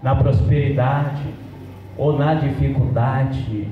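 A man with a Brazilian Portuguese accent leads a wedding ceremony as officiant, speaking solemnly in measured phrases with pauses. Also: mid-range voice, fairly even intonation. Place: large metal-roofed event hall with guests. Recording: roomy, muffled, distant, slight background noise.

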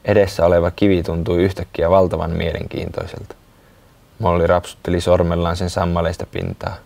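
A man reading a children's story aloud in a calm, unhurried way. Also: sits low, gravelly.

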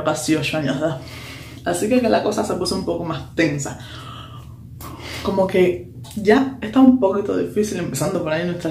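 A young woman, animatedly telling a personal story in a casual vlog. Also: medium pitch. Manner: animated, lively retelling with slang and English asides. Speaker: vlogger. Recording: echoey room with faint hum.

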